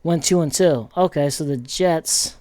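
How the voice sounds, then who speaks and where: A man casually rambling through football commentary with many pauses and restarts. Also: a little high, a little mellow, no echo. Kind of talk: casual sports commentary vlog.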